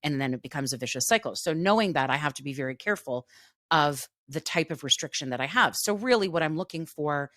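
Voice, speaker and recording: Low-pitched yet lively in intonation, this woman speaks fast with a bit of brightness as she co-hosts a casual podcast. The studio-quality recording has no room sound. She's chatty and open, restarting often and using many fillers.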